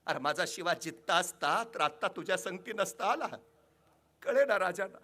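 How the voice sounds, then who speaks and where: A woman's voice: fairly low pitch, expressive, moderate pace, a bit bright. A male orator voicing a grieving, proud old village mother who speaks in rustic, scolding words. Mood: quietly sorrowful. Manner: rural village speech, scolding and fierce.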